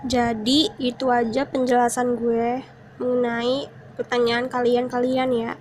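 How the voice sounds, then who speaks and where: High-pitched woman streaming horror games. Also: flat delivery, measured pace, a little mellow, a little hiss or hum. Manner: muttering to self, repeating short words while reacting. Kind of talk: casual gaming commentary, explaining to viewers while playing.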